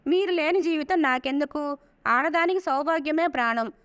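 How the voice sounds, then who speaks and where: A woman's voice: sits high, normal speed, fairly bright tone. A woman voicing a devoted wife who insists on sacrificing herself. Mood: insistent. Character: devoted brahmin wife, tearful and firm.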